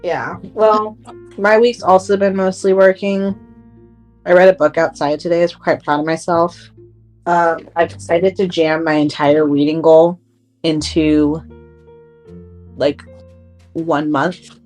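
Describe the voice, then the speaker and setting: A woman's voice: fairly low pitch, flat delivery, measured pace, long pauses, darkish tone, faint music behind. A young woman co-hosting a podcast, chatting casually with lots of fillers and laughs. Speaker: podcast co-host. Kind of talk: casual chat.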